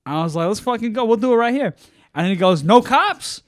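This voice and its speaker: Podcast co-host, man in his thirties, a bit high-pitched, dead-dry mic, rambling storyteller. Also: lively intonation, a little fast, no room sound. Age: 30s. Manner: rambling anecdote with acted-out quotes. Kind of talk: casual storytelling chat.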